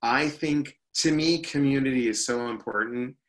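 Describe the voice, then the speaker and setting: A man's voice: medium pitch, normal speed. Upbeat guy talking as a guest, leads workshops, keeps saying you know. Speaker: workshop leader and speaker. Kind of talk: interview guest.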